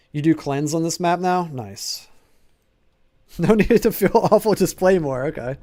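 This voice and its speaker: A young man streaming a game late at night, talking casually to his chat while he plays and often laughing. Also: mid-range voice. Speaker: gaming streamer. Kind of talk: live-streamed gameplay commentary.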